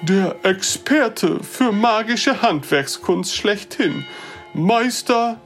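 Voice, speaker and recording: Narrator doing an earnest older gentleman, raised pitch. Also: expressive, very slow, soft background music, heavily acted. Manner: formal, hesitant, old-fashioned.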